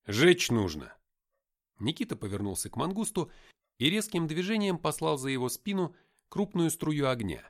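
A man's voice: on the high side, big pitch swings, moderate pace. A man reading a first-person audiobook narration expressively.

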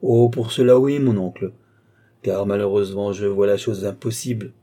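A man's voice: fairly low pitch, fairly even intonation, normal speed, mellow, close to an everyday voice. A man reading an audiobook, voicing a guarded, eloquent duke in middle age who speaks in long, earnest, courtly speeches. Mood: refusing. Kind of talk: audiobook reading of a classic novel.

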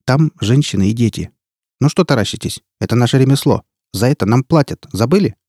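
A man's voice: medium pitch, expressive, fairly quick, mellow, no room sound, clean studio sound, close to an everyday voice. A man voicing a fierce woman mercenary captain. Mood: grim resolve. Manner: commanding, curt.

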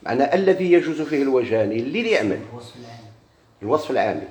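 A man's voice: mid-range voice, big pitch swings, fast, a little mellow, slight background noise. A man with a Moroccan Arabic accent teaching a grammar lesson in a classroom, putting questions to his students and then answering them himself. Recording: echoey room.

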